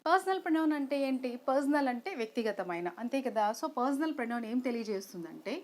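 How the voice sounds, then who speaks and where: A woman's voice: high voice, animated, fast talker, darkish tone. A woman with a Telugu accent teaching an online English grammar lesson, explaining step by step and asking rhetorical questions, switching between Telugu and English.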